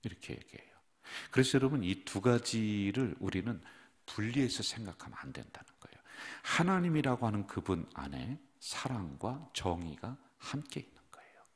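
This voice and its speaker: Deep-voiced pastor preaching at dawn prayer. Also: male voice, big pitch swings, normal speed. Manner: conversational, asks the congregation questions; acts out parents' scolding lines. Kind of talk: early morning prayer sermon. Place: church.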